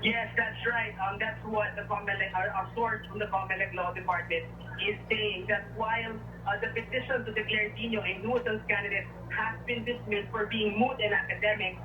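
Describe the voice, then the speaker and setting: A woman reporting live from a press scrum, speaking haltingly and unscripted as she searches for words. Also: medium pitch, fairly even intonation. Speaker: field news reporter. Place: crowded office building hallway indoors. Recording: noisy, distant live location feed. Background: commotion of a media scrum.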